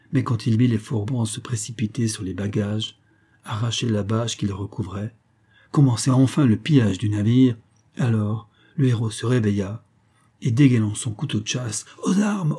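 Guy reading a novel aloud, warm husky voice, steady and dramatic. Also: mid-range voice. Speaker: audiobook narrator. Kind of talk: scripted narration.

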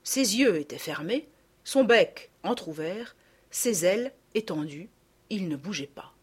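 Expressive woman reading a children's story. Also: medium pitch, unhurried, breathy edge. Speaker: narrator.

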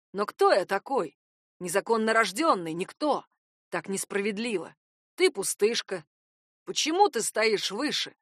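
A woman voicing a desperate, obsessive young man who hisses and growls his lines, hoarse and threatening. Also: medium pitch, no echo, clean studio sound, close to an everyday voice. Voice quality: hoarse, hissing. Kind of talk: audiobook character voice.

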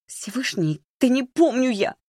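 A man reading a storybook voices a fiery, indignant young girl with a sharp, defiant manner. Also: medium pitch, a little slow, gravelly, dry recording, clean studio sound.

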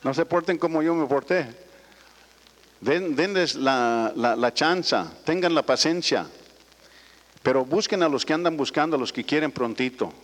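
Older man, folksy rambling storyteller, fairly high voice, long reverb of a hall. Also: a little slow, a bit bright. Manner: folksy, rambling, frequent "¿verdad?" tags. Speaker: speaker addressing business associates. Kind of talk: personal story told to an audience.

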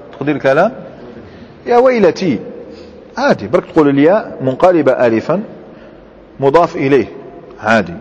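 A man's voice: a little high, a little mellow, a little hiss or hum. Guy teaching grammar, quizzes the class as he goes, long echo like a big hall. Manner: explains step by step, quizzes students, mixes dialect with formal Arabic. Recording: dull lo-fi recording in a large reverberant hall.

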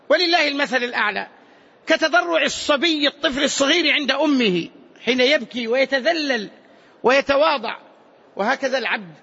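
A man teaching a hadith lesson in a large mosque, lively and acting out pleading voices. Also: extremely high pitch, breathy edge. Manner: lively, acts out pleading voices, colloquial asides. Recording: dull lo-fi mosque recording.

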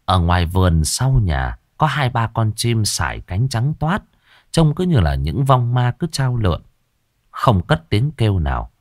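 A man narrating a ghost story in a dramatic, animated way. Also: lowish voice, a little slow, no room sound, studio quality.

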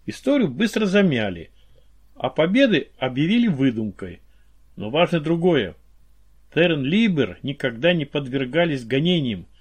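A man voices a weary, knowing informant in an audiobook, laying out what he knows in a measured, explaining manner. The voice is a bit high for a man. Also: sing-song, slightly rough. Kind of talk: audiobook character reading.

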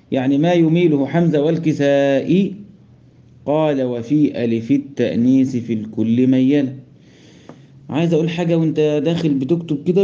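A man whose voice is on the high side with a dark tone teaches a class on Quran recitation rules in an Egyptian Arabic accent. He goes step by step, tests his students with questions, and chants verse quotations. The recording is dull and lo-fi.

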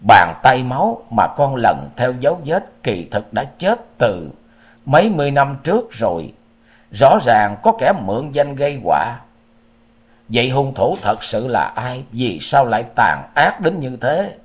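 A noble middle-aged mother in a storybook, her voice choked with sorrow and rising and falling widely, as a male reader puts her on. She speaks gravely and slowly. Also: mid-range voice, very animated. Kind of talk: storybook narration.

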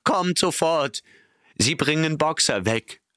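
A man voicing a cynical old male donkey in an audiobook, shouting urgent warnings. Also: fairly high pitch, animated, slow, clean tone, no room sound, studio quality, pitched above the performer's own voice, full character voice. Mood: alarmed.

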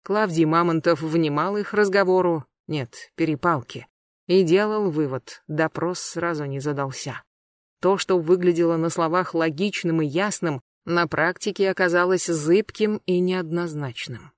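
An audiobook narrator reading a crime novel in an even, measured way. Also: mid-range voice, no room sound.

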